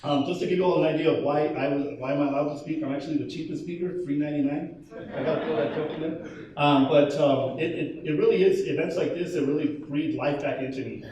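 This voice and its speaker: A man's voice: a little high, fast, darkish tone. A man from El Paso giving a keynote speech at a school ceremony, with many fillers and restarts. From El Paso, Texas. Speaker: keynote speaker. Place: large echoey hall. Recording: echoey hall from far off, faint noise.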